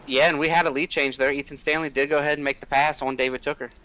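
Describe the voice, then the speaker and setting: A man giving relaxed, chatty color commentary on an online racing broadcast, often using filler words. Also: on the high side, fast, clear, resonant tone, rough recording.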